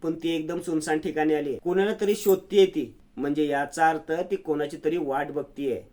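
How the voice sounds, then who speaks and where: A man's voice: a little high, steady tone, normal speed, dark tone, natural voice. A man voicing an obedient henchman who reports eagerly in rustic speech.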